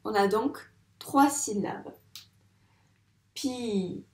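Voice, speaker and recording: In an echoey room, a woman with a somewhat high, slightly mellow voice teaches phonics to a young child. She's a first-grade teacher, and she goes slowly and patiently, pulling words apart into long, drawn-out syllables.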